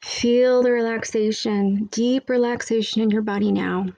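A woman leading a guided meditation with soothing, hushed, intimate delivery and repetitive, hypnotic phrasing, close on the microphone. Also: fairly high pitch, steady tone, normal speed, no echo, poor audio.

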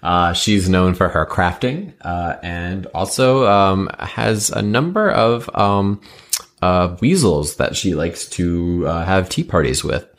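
Low-voiced man running a tabletop game. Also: expressive, slow. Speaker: game master. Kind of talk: casual improvised tabletop game narration.

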